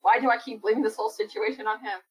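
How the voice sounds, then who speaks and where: A woman reading the lines of a grieving, stubborn warrior in a solemn, self-reproaching way, with a husky voice. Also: fairly high pitch, steady tone, racing, low-quality recording. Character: grieving, stubborn warrior mourning a fallen comrade. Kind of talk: melodramatic comic reading.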